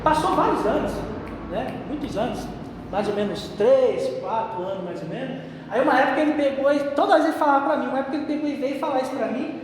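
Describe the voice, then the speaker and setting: A man's voice: very high voice, quick pace, background noise. A man preaching a sermon in a conversational way, often tagging his sentences with a questioning "né". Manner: conversational preaching with frequent "né" tags. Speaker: pastor. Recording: echoey hall.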